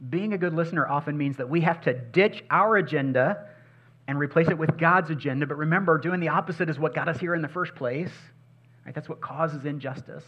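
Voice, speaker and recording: A male pastor preaching a sermon, swinging between loud emphatic passages and hushed, intimate ones, and repeating key phrases for emphasis. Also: on the high side, a little fast, lo-fi sound.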